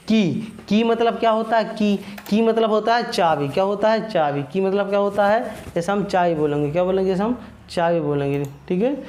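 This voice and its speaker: A man with a high voice teaches vocabulary in a relaxed, repetitive way. He asks little questions and answers them himself, and he corrects his own slips as he goes. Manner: casual, self-correcting. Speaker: online English vocabulary teacher. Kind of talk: classroom vocabulary lesson.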